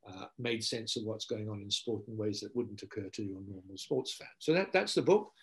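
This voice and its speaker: A man's voice: fairly low pitch, brisk. An older man, a guest philosopher, speaking in a casual interview over a video call from a home study, repeating words as he thinks. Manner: animated storyteller, repeats words while thinking. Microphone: video call laptop mic.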